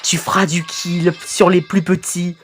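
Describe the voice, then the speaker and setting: A stern alien father figure, played by a woman who lowers her voice and drags the words out in a mock robotic tone. Bossy and slow, in a homemade cartoon dub. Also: level tone, slight background noise, lightly acted. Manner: slow, put-on robotic deep voice.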